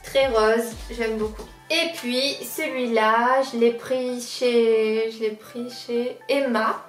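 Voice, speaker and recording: A woman's voice: on the high side, steady tone, takes it slowly. Chatty young woman in a roomy echo. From La Réunion. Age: 20s. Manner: chatty, keeps repeating how much she likes things. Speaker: lifestyle vlogger. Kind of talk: casual back-to-school haul vlog. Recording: roomy sound, mic at a distance, faint background music.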